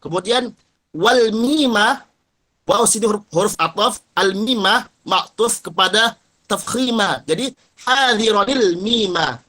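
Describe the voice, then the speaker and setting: A man with an Indonesian accent teaching tajwid, slowly chanting example words and contrasting right and wrong readings. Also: sits high, sharp tone. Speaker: Quran recitation teacher. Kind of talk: tajwid lesson with recited examples.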